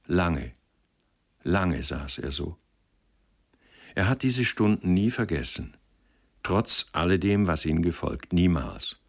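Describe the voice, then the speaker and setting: Deep, gravelly male reader. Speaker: audiobook reader. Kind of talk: literary narration.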